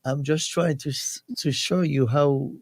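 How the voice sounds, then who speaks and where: Kittitian guy on a radio interview, bit of creak, says it straight, really dry room. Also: fairly high pitch, steady tone, unhurried, dry recording. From Saint Kitts. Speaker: guest, national security advisor. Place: radio studio.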